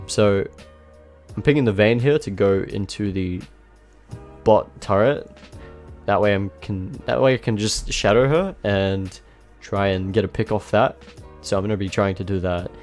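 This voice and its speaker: Speaking at a measured pace, this gameplay commentator gives casual voice-over on his own match. His somewhat low voice has a slight nasal quality from a blocked nose, and his loose, joking-at-himself manner is full of fillers over soft background music.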